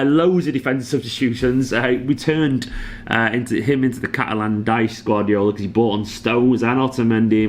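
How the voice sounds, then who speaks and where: A man, hungover and worn out, chats casually about football in a mid-pitched voice. He sounds weary and blokey, with noticeable background noise behind him. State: hungover, exhausted. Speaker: football fan channel host. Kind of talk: casual post-match reaction monologue.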